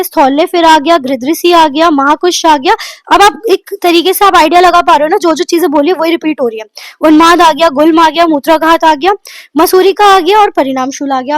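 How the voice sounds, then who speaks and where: A woman giving a quick exam revision lecture, running through lists of topics and mixing in English terms. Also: very high-pitched, no room sound. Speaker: exam prep tutor.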